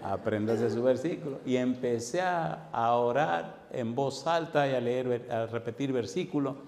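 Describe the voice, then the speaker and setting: A man's voice: mid-range voice, a little slow, a little mellow. A male pastor preaching a sermon, telling a dramatic personal story and speaking directly to his congregation. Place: church hall. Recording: reverberant church hall with faint ambience.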